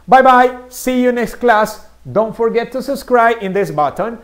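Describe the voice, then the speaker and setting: A man's voice: very high voice, lively intonation, takes it slowly. A man teaching an English grammar lesson on video, patiently asking rhetorical questions and repeating key words.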